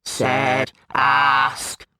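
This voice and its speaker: A woman voicing a hulking, fierce female beast that growls out slow, halting words. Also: rumbling low, completely flat delivery, bright, forceful tone, no room sound, clean studio sound, pitched below the performer's own voice, full character voice. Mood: growling.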